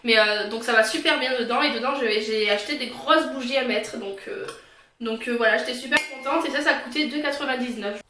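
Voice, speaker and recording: A woman's voice: a little high, fairly quick. A woman vlogger casually showing and describing her purchases in a chatty way, her speech slightly impeded by a new tongue piercing. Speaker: vlogger presenting a shopping haul. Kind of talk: casual chatty product show-and-tell. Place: indoors, in a bedroom. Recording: echoey room with faint background noise.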